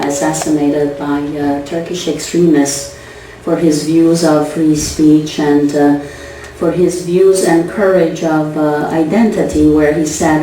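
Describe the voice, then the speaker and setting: A middle-aged woman from Syria gives a lecture, her low, mellow voice moving slowly and deliberately with small hesitations. She sounds distant in a very echoey hall with faint background noise. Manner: deliberate, halting with fillers. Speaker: psychologist giving a lecture.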